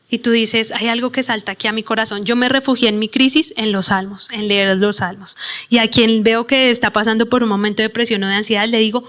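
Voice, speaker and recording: A woman's voice: fairly high pitch, a bit bright. A woman pastor preaching a sermon in a church, telling her own story with earnest emotion and reading scripture aloud. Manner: reads scripture aloud slowly. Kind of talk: sermon with personal testimony.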